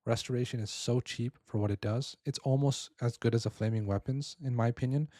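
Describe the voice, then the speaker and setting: Tired man coaching strategy, mellow voice. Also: medium pitch, steady tone, a little fast, no echo, studio quality. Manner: explains step by step, keeps asking "right?". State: tired, voice wearing out. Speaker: game coach reviewing a viewer's match. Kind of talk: casual strategy commentary.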